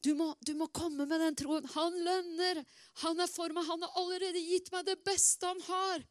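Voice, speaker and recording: A middle-aged woman preaching a sermon in a lively, conversational way, with many asides and repeated words. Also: very high-pitched, dry recording, clean studio sound.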